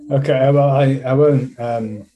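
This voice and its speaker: A man's voice: medium pitch, steady tone, a little slow, highs cut off. A man from West Yorkshire with a Yorkshire accent, a college chaplain answering interview questions in a casual, self-deprecating way with frequent restarts. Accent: Yorkshire English. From West Yorkshire, England.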